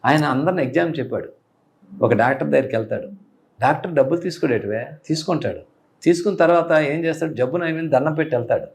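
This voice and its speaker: A middle-aged man, a police officer, talking earnestly in an interview and rising high in pitch when he stresses a point. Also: animated, fast, creaky, a little mellow. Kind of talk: casual interview talk.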